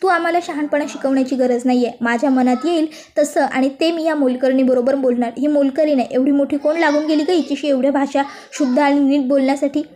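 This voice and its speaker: A brash young wife who fights over trifles, put on by a woman narrating a serial recap. Her high voice turns scornful and shrill. The telling stays close to plain speech. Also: fairly even intonation, quick pace, few pauses, warm tone, natural voice.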